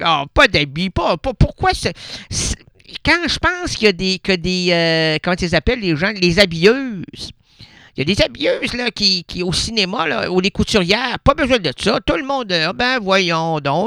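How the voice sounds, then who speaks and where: A man's voice: high voice, bright, forceful tone, clean tone, no room sound, clean studio sound. A man from Quebec with a Québécois accent hosting a radio show, rambling through absurd wordplay and frequent self-corrections. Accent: Québécois French. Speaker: radio host. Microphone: radio studio microphone.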